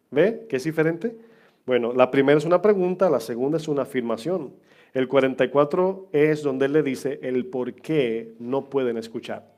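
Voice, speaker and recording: A man's voice: medium pitch, a little mellow. A middle-aged man preaching as pastor, chatting with his congregation with humor and questions. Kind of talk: sermon. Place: church.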